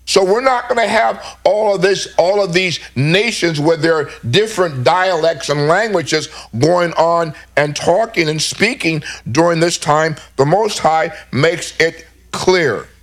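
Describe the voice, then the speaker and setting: A man's voice: a little high, unhurried, few pauses. A man teaching scripture in an emphatic, repetitive way, reading verses aloud and explaining them. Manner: emphatic, repeats himself while reading verses.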